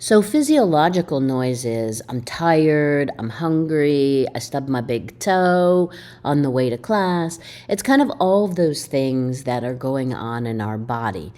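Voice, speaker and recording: Her voice is extremely low and unhurried as this woman instructor delivers an animated, emphatic recorded lecture. She's a college teacher who keeps asking her students questions while she explains.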